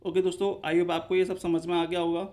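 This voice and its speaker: A man's voice: high-pitched, little pitch movement, fairly quick, a little mellow. A man teaching a shorthand lesson, explaining each step by asking himself short questions and answering them, and often stopping to check that viewers follow.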